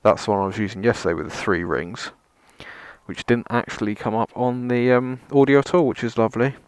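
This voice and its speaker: A man's voice: mid-range voice, steady tone, fairly quick, clear, resonant tone, no room sound. A man presenting a casual vlog gear test in a rambling, self-deprecating way, with dry sarcasm and some mild swearing. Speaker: motovlogger, presenter.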